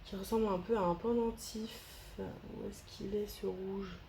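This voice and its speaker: Chatty French woman with a mellow voice. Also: mid-range voice, fairly even intonation, unhurried, a little hiss or hum. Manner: chatty, rambling, many restarts, thinks aloud. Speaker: diamond painting vlogger. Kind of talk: casual unboxing chat to camera.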